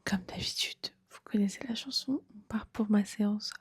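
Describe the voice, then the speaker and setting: A woman's voice: medium pitch, normal speed, slightly rough, dry recording, studio quality. A young woman whispering an early-morning vlog, exhausted. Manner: whispering, tired. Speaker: fitness vlogger.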